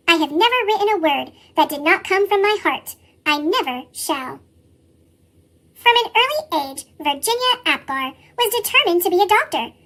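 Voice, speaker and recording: A storybook reader whose voice has been sped up and pitched up into a chipmunk voice, reading a children's picture book aloud in a steady, earnest way.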